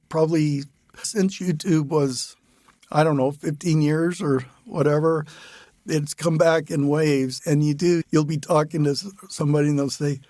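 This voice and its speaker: A man's voice: a little high, no room sound. An older man hosting a podcast interview, talking in an easygoing, good-humored way and often restarting his phrases. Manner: warm-humored, laughs easily, restarts phrases. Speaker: podcast host and writer. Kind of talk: relaxed conversational interview.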